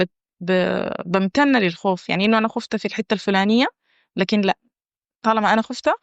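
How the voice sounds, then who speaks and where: A woman with a slightly high voice speaks warmly and encouragingly as a wellness guest, restarting and hesitating often. It's a casual conversation in Arabic sprinkled with English phrases. The recording sounds dull and dry.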